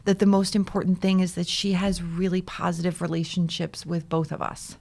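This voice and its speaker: A woman's voice: on the low side, flat delivery, brisk, gravelly, a little mellow. A woman in her forties talking frankly as a podcast guest, laughing often and swearing freely. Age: 40s. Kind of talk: candid casual conversation.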